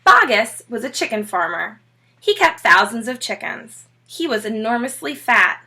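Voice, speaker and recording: With expressive emphasis, a woman teacher reads a children's book to her listeners, occasionally pausing for brief side comments. Her voice is high and bright.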